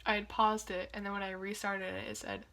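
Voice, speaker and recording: Wry, bright-voiced young woman. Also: mid-range voice, flat delivery, brisk, gravelly. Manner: chatty and wry, with frequent "like" fillers and amused asides. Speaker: video reactor. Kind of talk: casual reaction commentary.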